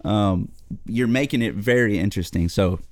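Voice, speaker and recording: A man's voice: lowish voice, normal speed, no echo, studio quality. A man interviewing a guest in a casual chat, encouraging and complimentary.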